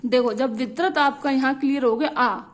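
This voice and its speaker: A woman's voice: high voice, fairly quick. A young woman teaching a lesson, repeating key phrases and checking in often with her students. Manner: repetitive, drilling phrases, frequent checks like "theek hai".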